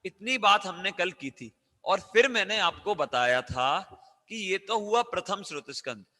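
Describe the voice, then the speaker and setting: A man teaching a class of children. He quizzes them with call-and-response questions and coaxes loud answers. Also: high voice, lively intonation, moderate pace, in a large hall.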